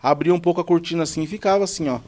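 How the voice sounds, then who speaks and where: A man's voice: on the high side, racing. A man from the São telling a long personal story in a casual podcast chat, quoting what people said. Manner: rambling, animated retelling with quoted dialogue. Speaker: podcast guest; truck driver.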